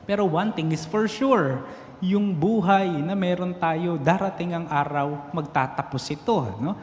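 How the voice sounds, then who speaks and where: Male priest, playful storyteller, fairly high voice, long church reverb. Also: unhurried, slight background noise. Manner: jokey storytelling, animated. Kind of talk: sermon. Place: large church. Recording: echoey church hall.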